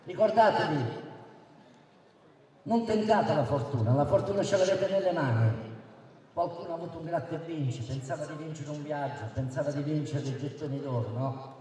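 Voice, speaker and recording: A man giving a booming, declamatory political rally speech as a mayoral candidate through a public-address system in an outdoor square. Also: brisk, warm tone. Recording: echoey distant PA with crowd, faint noise.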